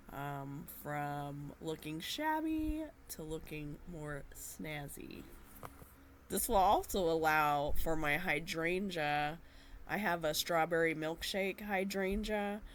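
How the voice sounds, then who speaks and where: This gardening vlogger's voice-over is low, gentle, and unhurried, sprinkled with frequent fillers. She sounds a little nasal, perhaps from a cold or allergies, and a soft background hum lingers under her narration.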